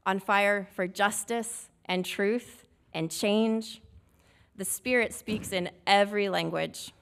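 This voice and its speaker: A woman's voice: mid-range voice, creaky, clear, resonant tone. A woman preacher telling a story to a congregation of all ages, inviting them to join in. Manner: animated, calls for audience participation. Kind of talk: interactive children's sermon storytelling. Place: church sanctuary.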